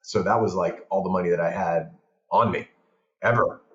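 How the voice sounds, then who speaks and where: On a podcast, a guest who is a film director from Portugal speaks in a low voice at normal speed. His casual chat runs to long, animated, rambling anecdotes, captured in a roomy, muffled recording.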